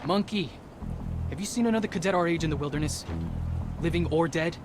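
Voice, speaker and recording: A male actor with a fairly high voice plays a serious, dutiful teenage Spartan warrior in a video game. He speaks in a measured, formal, earnest way, lightly acted, over background music.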